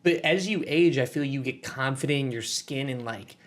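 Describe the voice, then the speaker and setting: A man in his thirties co-hosting a podcast, telling stories in an animated way, swearing freely and mimicking people. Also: medium pitch, normal speed. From United States. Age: 30s. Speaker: podcast co-host. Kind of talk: casual chat.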